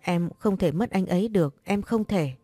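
A woman's voice: medium pitch, normal speed, mellow, dry recording, soft background music, natural voice. A woman voicing a heartbroken young woman who pleads and repeats herself through tears. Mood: pleading. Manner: pleading, desperate. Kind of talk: audiobook character reading.

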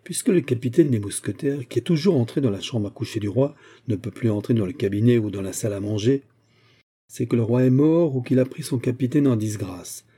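A man reading the part of a proud, hot-tempered aging musketeer captain in an audiobook, with sharp, indignant retorts. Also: medium pitch, fairly quick, slightly rough, natural voice.

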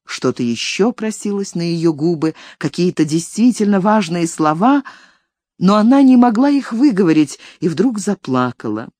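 A woman narrating a novel aloud in an expressive, dramatic way. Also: fairly low pitch, moderate pace, dry recording.

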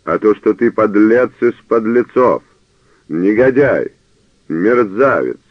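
A man voicing an old male canon who shouts and chokes with anger, on a narrow phone-like radio recording. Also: lowish voice, lively intonation, takes it slowly, no room sound, voice pushed up. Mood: furious. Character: old male canon, furious, sputtering with rage.

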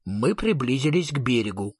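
A man reading a storybook aloud, animated and doing the characters' voices. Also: mid-range voice, moderate pace, breathy edge, no room sound, clean studio sound. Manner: animated, voicing many characters. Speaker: audiobook reader. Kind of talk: storybook narration.

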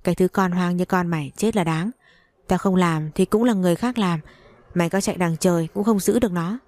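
A woman's voice: fairly low pitch, darkish tone, no echo, natural voice. A woman playing a foul-mouthed spiteful nurse. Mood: contemptuous. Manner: foul-mouthed, contemptuous, fast.

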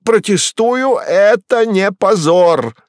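A man voicing a boastful, theatrical demonic tomcat in an audiobook, speaking high and proudly. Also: sing-song, moderate pace, gravelly, dry recording, clean studio sound. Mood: indignant. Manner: high, proud, indignant declaiming.

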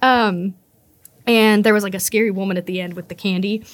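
A young woman co-hosting a casual podcast chat, telling animated stories and laughing often. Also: mid-range voice, a little fast, dry recording. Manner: lively storyteller, laughs often, acts out quotes. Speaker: podcast co-host.

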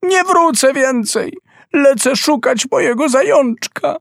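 A man voicing a young, tender-hearted boy who calls out in a high, ringing voice. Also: sing-song, a little slow, dry recording, clean studio sound, heavily acted. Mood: defiant.

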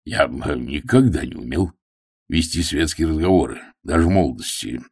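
A man's voice: low voice, brisk, gravelly, slightly rough, heavily acted. A man voicing a taciturn middle-aged big game hunter who speaks bluntly and awkwardly.

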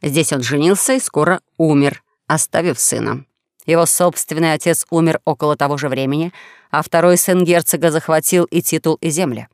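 A man's voice: fairly high pitch, normal speed, no echo, clean studio sound, voice pushed down, close to an everyday voice. A man voicing a young con-man who plays a wronged duke, mournful and grandiose. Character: young male con-man posing as a tragic duke, self-pitying.

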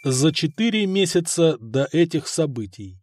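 A man narrating an audiobook in a steady, wry storytelling manner. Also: a little high, unhurried, a little hiss or hum. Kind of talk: scripted narration.

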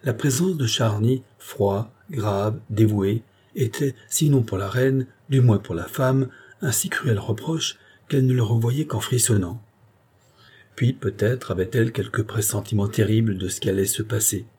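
A man reading a historical novel aloud in a steady, even way. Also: fairly low pitch, unhurried, slightly rough. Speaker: audiobook reader. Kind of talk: scripted narration.

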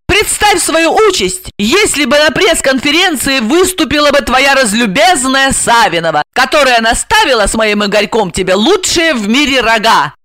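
A fiery young housewife, as the reader puts her on, hurls sarcastic retorts in a high, bright, animated voice. The lines come loud and indignant in a dry, close recording. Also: moderate pace, no echo, heavily acted. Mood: indignant, mocking. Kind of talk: audiobook character voice.

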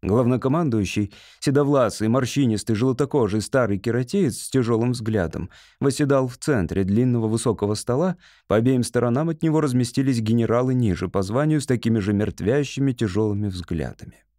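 A man's voice: mid-range voice, a little fast, hardly any pauses, dark tone, no room sound. Man narrating an audiobook, dry sound. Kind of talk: scripted narration.

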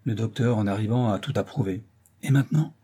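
A man's voice: lowish voice, brisk, warm tone, breathy edge. A man voicing an old, distressed servant of a duke, speaking in an agitated, fretful way in an audiobook reading. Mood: grave.

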